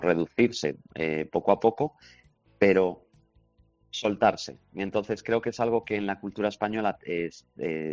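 A man's voice: low voice, darkish tone, no echo. A man, answering interview questions as a language teaching expert, confident and explanatory. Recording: slightly dull lo-fi recording.

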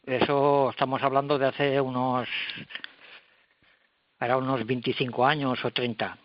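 Older man, halting and dull-sounding. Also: medium pitch, flat delivery, slight background noise. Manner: hesitant, repeats words and restarts. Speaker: radio collector guest. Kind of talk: interview answers.

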